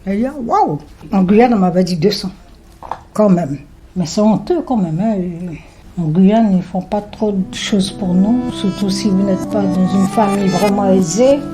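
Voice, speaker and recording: A woman, telling her life story in a lively way and acting out what people said. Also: medium pitch, measured pace, over music. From French Guiana. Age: 70s. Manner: lively storyteller who acts out remembered dialogue. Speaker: interviewee.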